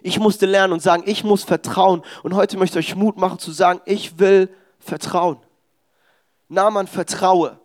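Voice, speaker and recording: A man's voice: high-pitched, normal speed. A young man preaching a sermon, telling stories with quoted dialogue. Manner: animated, storytelling with quoted dialogue.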